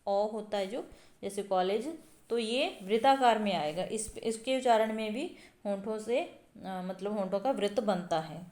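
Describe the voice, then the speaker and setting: Teaching exam prep, a woman with a medium-pitched, darkish voice walks through explanations step by step and says vowel sounds out loud. She repeats them often, leans on plenty of fillers, and the audio is reverberant.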